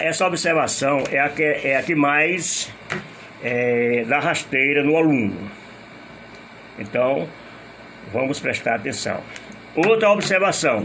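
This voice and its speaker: A man's voice: medium pitch, a bit bright, slight background noise. A man teaching a grammar lesson, patiently repeating each rule step by step and asking rhetorical questions. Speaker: Portuguese teacher.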